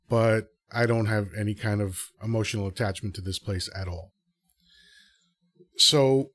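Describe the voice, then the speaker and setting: A Dominican Republic man hosts a live podcast, offering casual solo commentary to the audience as he rambles through his thoughts earnestly, correcting himself along the way. His voice is lowish, and the recording is dry and studio quality.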